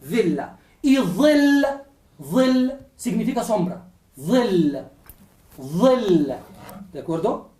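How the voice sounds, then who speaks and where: A woman leads a pronunciation drill at an unhurried pace, repeating each syllable patiently before her students echo it back. Her slightly high voice swoops and rises with plenty of expression. She sounds a little away from the mic, in a roomy, echoing space. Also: very animated, dark tone, far from the mic. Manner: patient, repeats each sound several times, asks "¿de acuerdo?" and "¿vale?". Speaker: Arabic language teacher.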